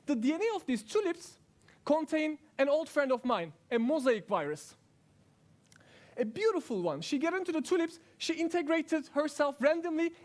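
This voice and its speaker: A cheerful, chatty virus talks fondly to its listeners as though they were children, voiced by a man in a science talk. The voice sits strikingly high for a man, and it is playful and a little teasing. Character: friendly talkative good virus. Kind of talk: first-person stage science talk.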